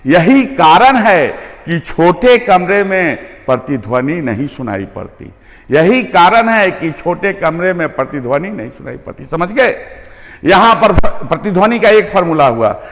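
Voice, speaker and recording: A man delivers a physics lecture in a high, very animated voice without rushing, often repeating key terms and asking the class whether they are following. A long reverb tail trails after his words.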